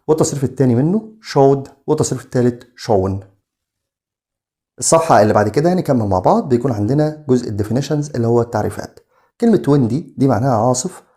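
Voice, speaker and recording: A man with an Egyptian Arabic accent teaching an English vocabulary lesson. He reads each word slowly and then repeats it. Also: medium pitch, dark tone. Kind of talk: vocabulary lesson, reading words aloud.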